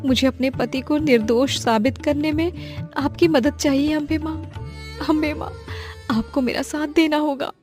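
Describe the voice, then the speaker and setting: A woman acts a devoted, pious wife in a moral story, high-pitched and earnest. She speaks with emphatic resolve and pleading, music underneath. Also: steady tone, moderate pace, a little mellow, natural voice. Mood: fervent prayer. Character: devout, loyal young wife and mother, determined. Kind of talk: acted Hindi moral story.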